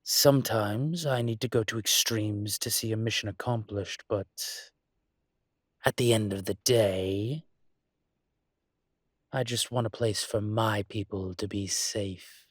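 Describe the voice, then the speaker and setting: Performing slow, intimate roleplay audio, a man voices a male dragon shifter who rules as a mafia boss, taking his time with deliberate pauses. His low, husky voice stays steady and earnest, smug and teasing yet protective, recorded close and dry with no echo, like an intimate audio drama.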